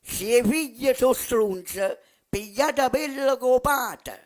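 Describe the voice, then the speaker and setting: Neapolitan man, notably high voice, unhurried recital of dialect proverbs. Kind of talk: reciting folk sayings in dialect.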